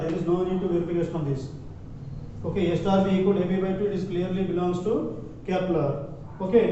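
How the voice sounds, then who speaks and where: A man with a Telugu South Indian accent teaches mathematics step by step, dictating and deliberately repeating phrases. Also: high-pitched, dark tone. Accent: Indian, Telugu-speaking south. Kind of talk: classroom lecture, step-by-step proof. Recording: muffled, very echoey, distant, noisy room.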